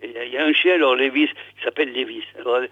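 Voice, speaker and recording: A man's voice: mid-range voice, rapid-fire, no room sound. A man reading a novel aloud on the radio, stopping often to comment, with many fillers and restarts. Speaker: radio reader. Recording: dry, phone-like radio sound.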